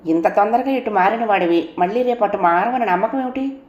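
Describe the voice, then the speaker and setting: A woman's voice: mid-range voice, a little fast, echoey room, lo-fi sound, pitched above the performer's own voice, lightly acted. A woman voicing a proud young wife who answers her husband in a cutting, stern way.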